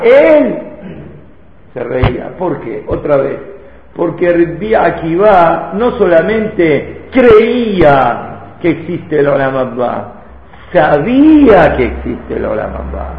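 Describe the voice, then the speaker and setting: A man's voice: sits high, very animated, slow, vocal fry. A man, teaching a religious lesson to a live audience and telling stories through rhetorical questions. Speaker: Torah teacher. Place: hall with an audience. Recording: echoey hall, phone-like lo-fi sound.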